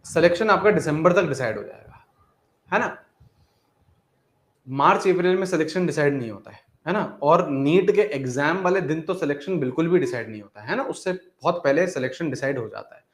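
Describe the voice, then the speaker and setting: A man's voice: a little high, lively intonation, brisk. Encouraging Hindi-speaking male teacher, echoey room. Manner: encouraging, repetitive, addresses students as beta. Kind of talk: online class motivational talk.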